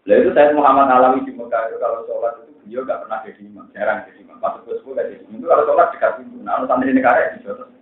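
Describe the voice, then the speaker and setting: Javanese preacher on a tinny, echoey recording. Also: male voice, mid-range voice, rapid-fire, few pauses. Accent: Central Javanese. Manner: lively storytelling, mixes jokes and pleading. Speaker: Islamic preacher. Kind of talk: religious lecture to a congregation.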